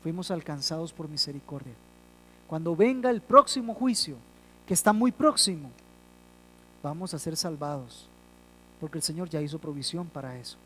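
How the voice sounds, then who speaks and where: Male pastor, sermon delivery, dynamic swells and hushed endings, deliberate emphatic pacing. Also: on the high side, expressive, rough recording. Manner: swells loud on key phrases, drops soft at line ends; slows down for emphasis.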